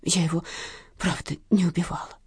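A woman's voice: lowish voice, little pitch movement, moderate pace, a little mellow, husky, dry recording, studio quality. Woman voicing a frightened, defiant young woman. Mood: bewildered. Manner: defensive, indignant.

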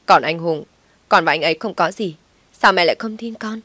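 A woman voicing a polite, tearful young wife in an audio story, pleading softly. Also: lowish voice, a little fast, no echo. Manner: polite, pleading, choked with tears.

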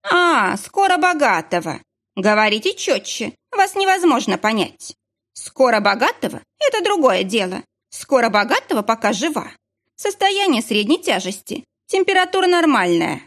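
Woman doing a shrill rude hospital nurse. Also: big pitch swings, a little slow, exaggerated voice. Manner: snappish, dismissive, shrill. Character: rude, irritable female hospital duty nurse.

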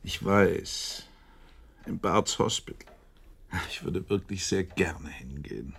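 An actor playing a modest English doctor in a radio drama, speaking politely, thoughtfully and with some hesitation. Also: male voice, deep voice, takes it slowly, vocal fry, fairly bright tone, exaggerated voice. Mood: musing, reluctant. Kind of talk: German radio drama acting.

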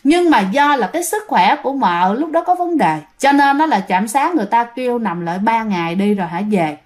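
A woman's voice: on the high side, expressive, brisk. A woman telling a ghost story in a chatty, casual way, often addressing her listeners.

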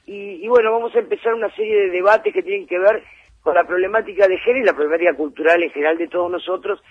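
On a tinny phone line that keeps dropping out, a woman who heads a gender commission talks as a live radio guest. Her medium-pitched voice is fast and breathy-edged, and she sounds thoughtful yet hesitant, full of fillers and restarts.

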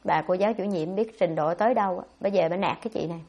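A Buddhist nun giving a dharma talk, answering questions in a blunt, scolding way. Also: female voice, fairly low pitch, darkish tone, slightly rough. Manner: blunt, scolding, fast-talking.

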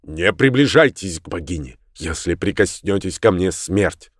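A man voicing a young woman who plays a menacing priestess, speaking in a monotone. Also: sits low, normal speed, dry recording, clean studio sound, voice pushed down. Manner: monotone and threatening, then shrieking.

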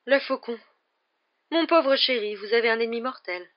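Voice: mid-range voice, normal speed, dull audio, voice pushed up, natural voice. A reader voicing a dramatic, mournful older woman fortune-teller in an audiobook, speaking in a theatrical, wailing manner. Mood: ominous. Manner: theatrical, wailing, breathy dread.

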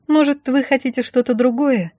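A woman's voice: high voice, steady tone, normal speed, a little mellow, no echo, clean studio sound, voice pushed up. A woman voicing a nervous, eager-to-please young female shop assistant who speaks hesitantly and politely.

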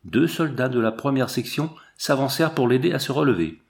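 A man narrating a war memoir in a measured, steady reading. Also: mid-range voice, gravelly. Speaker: audiobook narrator.

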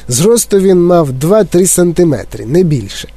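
Man reading a children's story, mellow voice. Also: high-pitched, normal speed, no room sound. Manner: expressive storytelling. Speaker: narrator. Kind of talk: audiobook narration of a children's novel.

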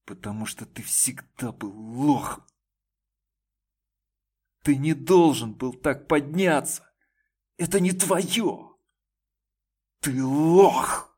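A man's voice: medium pitch, fairly even intonation, normal speed, slightly rough. A man voicing a young woman who pleads and sobs, then turns scornful, in an audiobook. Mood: scornful, shouting. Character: desperate, bitter young woman, ex-lover.

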